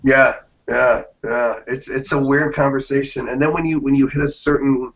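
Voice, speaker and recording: Gravelly-voiced man in his thirties. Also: mid-range voice, normal speed. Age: 30s. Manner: animated storyteller, acts out quoted reactions. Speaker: magician guest. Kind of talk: casual interview conversation. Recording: dull lo-fi interview audio.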